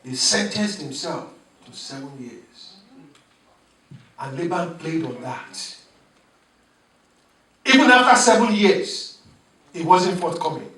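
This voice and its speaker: A pastor preaches to his congregation, animated and chuckling as he goes, calling for responses. His voice sits a little high for a man. The church is echoey and he sounds set back from the mic. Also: slow, long pauses, far from the mic. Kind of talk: sermon.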